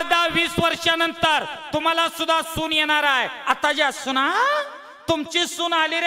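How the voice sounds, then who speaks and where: High-voiced man preaching folk sermon. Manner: loud, teasing, calls out to the audience and demands answers. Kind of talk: comic folk sermon to a village crowd.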